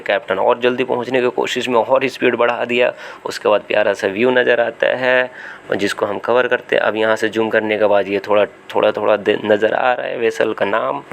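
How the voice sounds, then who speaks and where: A seafarer vlogger with an Indian Hindi accent comments casually over phone-camera footage from a small vessel at sea, thinking aloud with restarts and fillers. His voice is on the low side, a bit bright, with vocal fry, and there is slight background noise.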